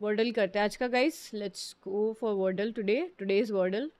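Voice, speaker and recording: A woman with an Indian accent chats casually on a live stream, greeting and answering her viewers while switching between Hindi and English. Her medium-pitched voice is unhurried, a little mellow, and fairly even in intonation, in a room at home with a fan running.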